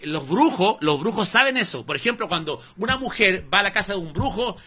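A man's voice: sits high, lively intonation, a little fast, sharp tone, husky, dull audio. A male pastor preaching a sermon, scolding and emphatic, repeatedly calling the listener "brother" between his points. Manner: scolding, emphatic, mocking asides, repeats "hermano".

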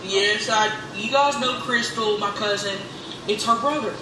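A woman's voice: medium pitch, measured pace. A woman, talking around a stick in her mouth, trading brash, crude jokes from inside a car at a drive-thru. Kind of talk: comedic drive-thru food review banter. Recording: echoey, distant mic, noisy.

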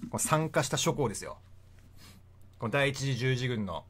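Young man, casual history lecture, animated pitch, laughs a lot. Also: moderate pace. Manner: chatty, laughs often between points. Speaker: history explainer.

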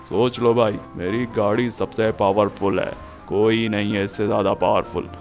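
A man's voice: on the low side, steady tone, normal speed, soft background music, natural voice. A man voicing an arrogant, bragging male superhero in a game voiceover. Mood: boastful threat. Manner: bragging, threatening, then screaming for help. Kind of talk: game voiceover role-play.

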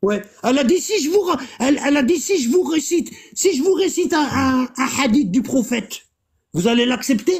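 A speaker leading a casual religious discussion, reading Arabic passages aloud and translating them with many pauses and fillers. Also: sits high, animated. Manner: explanatory, halting, many fillers, reads Arabic texts aloud then translates; keeps pointing listener to the text.

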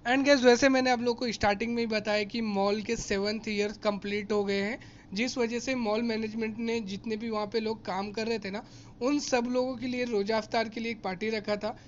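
A man's voice: high voice, fairly even intonation, brisk, highs cut off, soft background music. A man casually narrating a tour vlog through a large indoor shopping mall, chatting to viewers as guys and explaining prices and offers. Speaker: vlogger.

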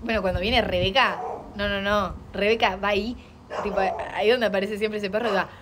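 A woman's voice: medium pitch, steady tone, a little fast. Chatty young Argentine woman streaming. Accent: Rioplatense Spanish. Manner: chatty, playful, talks to her dog and chat. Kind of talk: casual live-stream chat. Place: home. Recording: noisy home stream audio.

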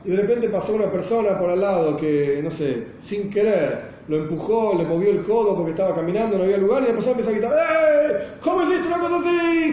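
High-voiced rabbi in an echoey room. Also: male voice, mellow. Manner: explanatory, rhetorical questions, acts out an angry outburst. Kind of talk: Torah lesson. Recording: very echoey room, faint noise.

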